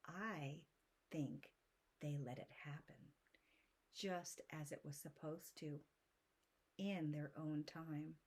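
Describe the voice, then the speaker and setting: A woman teaching an art lesson in a slow, soothing manner, drawing out her words and often dropping into soft breathy whispers. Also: low voice. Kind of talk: slow, calm lesson talk to children.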